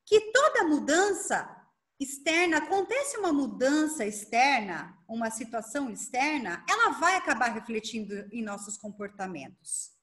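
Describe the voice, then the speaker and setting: High-voiced Brazilian woman, fast workshop talk. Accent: Brazilian Portuguese. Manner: fast, lively, asks herself rhetorical questions. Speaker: coach and speaker leading a workshop. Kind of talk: online workshop presentation.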